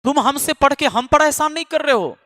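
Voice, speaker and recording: A man's voice: very high voice, animated, a little fast, pushed and bright, no room sound, studio quality, long reverb tail. A man who teaches math online, speaking to his students in an emphatic, scolding way and repeating lines for force. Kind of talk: impassioned address to students.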